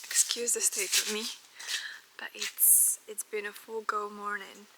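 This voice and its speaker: A woman's voice: medium pitch, flat delivery, normal speed, noisy background. A woman vlogging a country house renovation, chatty and upbeat, laughing easily as she shows the work. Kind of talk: casual vlog narration.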